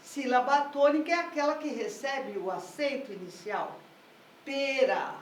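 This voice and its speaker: A woman's voice: high voice, animated, moderate pace, slight background noise. A woman music teacher explaining harmony in a patient, step-by-step lesson. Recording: echoey room, mic at a distance.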